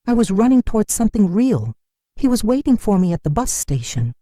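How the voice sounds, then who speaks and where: A woman reading a scripted first-person story in an even, measured way. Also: medium pitch, dry recording, clean studio sound.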